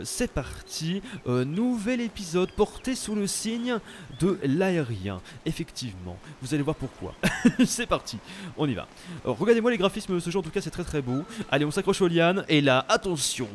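A young French man giving casual, animated commentary while playing a video game, exclaiming at the action. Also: high-pitched, a little hiss or hum. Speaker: let's play host.

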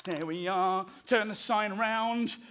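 Excitable man presenting a kids' stage show. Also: sits high, takes it slowly, slight background noise. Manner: excitable, full of oohs and giggles, talks to the audience. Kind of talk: live children's stage show. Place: theatre stage with farm set.

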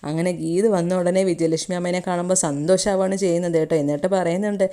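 Fast, low-voiced woman narrating. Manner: steady retelling with frequent quoted dialogue and tag phrases. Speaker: serial review host. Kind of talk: fast scripted-style recap narration.

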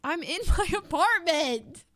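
High, lively young woman, giggly. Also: slow pace, no room sound, studio quality. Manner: giggly and exclaiming. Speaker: streamer playing a game character. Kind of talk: in-character game role-play.

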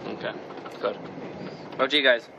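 A man filming a casual travel vlog in a train compartment, asking friends quick teasing questions into a handheld camera. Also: mid-range voice, steady tone, very noisy. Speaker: vlogger interviewing fellow travellers.

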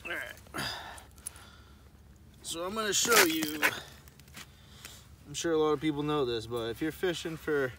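A man casually narrating his ice fishing vlog outdoors on a frozen river, with excited bursts whenever a fish bites. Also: a little high, a little slow, long pauses. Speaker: fishing vlogger. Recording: noisy outdoor recording.

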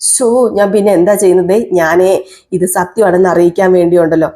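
A woman telling a TV serial's story voices an excitable young man calling for his father, agitated and pleading. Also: lowish voice, a little fast, lightly acted. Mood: insistent.

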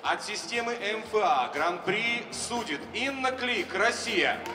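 Speaking slowly and expressively in a high-sitting voice, a middle-aged man hosts a ceremony, giving formal announcements in short phrases on a handheld mic. The audio comes from a distance through the PA of a large exhibition hall, echoing, with music in the background.

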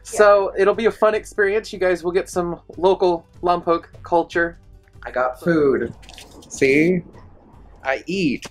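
A woman's voice: lowish voice, slow, soft background music. Chatty woman rambling into her vlog camera. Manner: chatty, rambling, self-deprecating. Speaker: vlogger. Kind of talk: casual diary vlog to camera.

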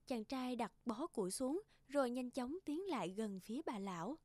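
A woman narrating a fairy-tale cartoon in a gentle, even storytelling delivery. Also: a little high, normal speed, dry recording. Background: loud background music.

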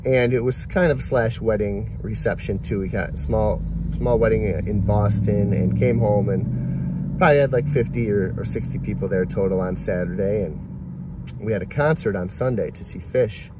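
A man's voice: lowish voice, normal speed, background noise. Man in his forties vlogging from car. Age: 40s. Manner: candid, self-reflective, rambling. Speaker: delivery driver vlogger. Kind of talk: casual reflective vlog talk. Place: inside a parked car. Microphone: phone camera at arm's length.

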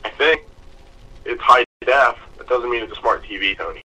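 A man's voice: medium pitch, normal speed, bright, forceful tone, husky, distant mic, rough recording. A man co-hosting a fight podcast, telling a long self-mocking story in casual chat. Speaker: podcast co-host.

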